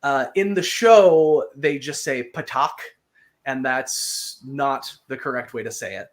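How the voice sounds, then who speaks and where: Patient casual language teacher. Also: mid-range voice. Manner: patient, repeats phrases slowly for practice.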